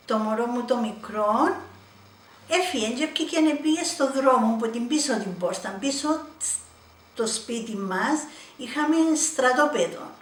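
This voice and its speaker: Woman, Cypriot accent, personal testimony, hesitant emotional telling, high voice, roomy echo. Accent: Cypriot Greek. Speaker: church member giving testimony. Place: church hall. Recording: echoey room, distant mic, faint noise.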